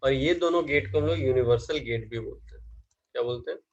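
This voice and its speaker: Husky male teacher giving a lesson. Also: medium pitch, fairly quick, highs cut off. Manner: asks students questions and answers them himself; mixes Hindi with English terms. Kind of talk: classroom lecture.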